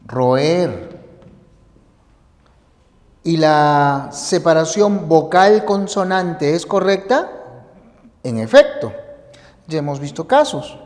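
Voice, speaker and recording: A male language teacher with a high voice who explains each point step by step. He asks the viewer questions as he goes. The recording carries a long hall reverb. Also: big pitch swings, takes it slowly, a little mellow. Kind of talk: recorded spelling lesson.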